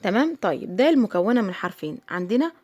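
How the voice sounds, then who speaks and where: A woman's voice: mid-range voice, sing-song, fast, a little mellow, highs cut off. A middle-aged woman with an Egyptian Arabic accent teaching English letter sounds to children, patiently repeating each sound and checking in with her pupils. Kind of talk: phonics lesson for children.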